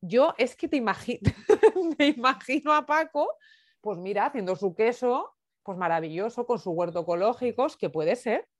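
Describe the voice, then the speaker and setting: Expressive woman host, dry close sound. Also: on the high side, normal speed, no room sound. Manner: expressive, laughs, thinks aloud with fillers. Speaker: interviewer, host. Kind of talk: casual conversational interview.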